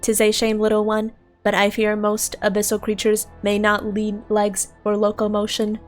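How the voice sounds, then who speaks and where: A woman's voice: medium pitch, completely flat delivery, moderate pace, close to an everyday voice. A woman voicing a solemn, archaic mystical guide in a game, speaking grandly and formally. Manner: grand, formal, old-fashioned phrasing. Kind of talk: reading game dialogue aloud in character. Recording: faint game music behind voice.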